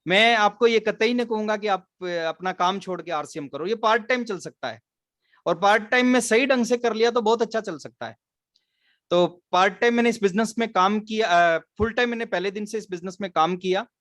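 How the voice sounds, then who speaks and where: Briskly and in a high, fairly bright voice, a Haryanvi man gives an earnest business motivation session, weaving English terms into Hindi as he tells his stories. The studio recording is clean and dry.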